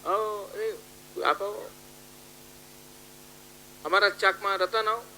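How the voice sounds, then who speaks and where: Bright, rousing male rally speaker. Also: sits high, steady tone, drawn-out words, a little hiss or hum. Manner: rousing, calls out and repeats appeals. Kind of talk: rally speech.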